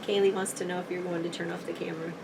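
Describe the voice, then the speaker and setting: A woman's voice: lowish voice, flat delivery, racing. Woman, upbeat RV vlog co-host, stuffy scratchy voice, picked up by a distant mic over background noise. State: stuffy, scratchy throat from allergies. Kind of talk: casual chat. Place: inside an RV.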